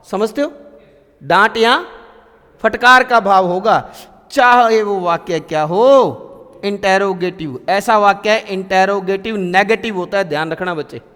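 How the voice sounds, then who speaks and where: Man, teacher, classroom grammar lesson, storytelling, high voice, reverberant room. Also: fairly bright tone. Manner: storytelling, asks pupils questions.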